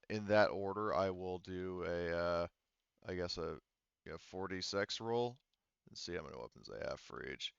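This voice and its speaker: Thinking aloud and speaking haltingly, a game master casually narrates a tabletop roleplaying session. He has a deep, smooth voice with no room sound, carried over voice chat that sounds slightly lo-fi.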